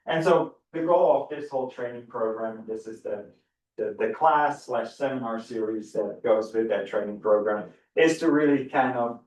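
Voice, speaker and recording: A middle-aged biology professor with a Dutch accent gives a university seminar lecture in a room, eager and full of repeated words and restarts. His voice is medium-pitched and a little mellow at a moderate pace, and the recording is echoey, with the mic far away.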